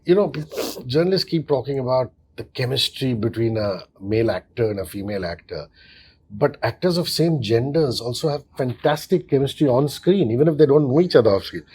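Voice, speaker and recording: Husky male interviewer. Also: mid-range voice, lively intonation, a little fast. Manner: warm praise, long wordy questions. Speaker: host. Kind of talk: interview questions.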